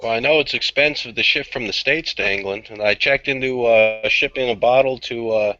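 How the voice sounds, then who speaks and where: A man in a casual podcast chat who talks haltingly and fills pauses with uh and um. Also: medium pitch, pushed and bright, lo-fi sound. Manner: halting, lots of uh fillers.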